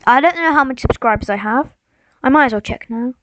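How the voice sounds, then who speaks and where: A young woman streams a game, rambling in a mock-heroic way to herself and her viewers as casual live-stream commentary. Her voice is high-pitched and fast, and the recording has a dull, lo-fi sound.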